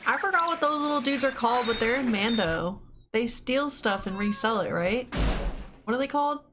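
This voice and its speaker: A young woman hosting a movie reaction, chatting casually with giggles and excited exclamations. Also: a little high, moderate pace, background noise. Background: film audio.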